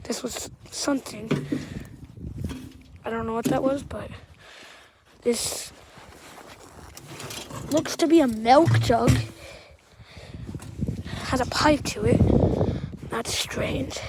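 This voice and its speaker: A woman with what sounds like a Southern accent picks her way through storm damage outside, her commentary halting and rambling, often fading off quietly. Her voice is on the high side, and background noise is heavy.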